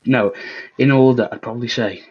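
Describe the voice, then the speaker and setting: A man's voice: mid-range voice, fairly even intonation, a little fast, husky. A man chatting casually about football as co-host, joking and trailing off. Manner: laid-back, jokey, trails off. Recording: dull lo-fi stream mic.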